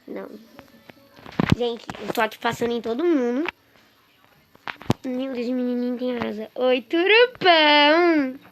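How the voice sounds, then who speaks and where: A woman chatting excitedly and with exasperation to her viewers while commenting on a game she is playing. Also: fairly high pitch, normal speed, pauses often, over music. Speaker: gaming streamer. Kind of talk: casual gameplay commentary. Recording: noisy with clicks.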